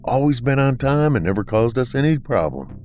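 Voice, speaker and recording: A man voicing a fussy middle-aged male funeral home manager in an audiobook, speaking high and fretful. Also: very animated, normal speed, a little mellow, faint music behind, close to an everyday voice.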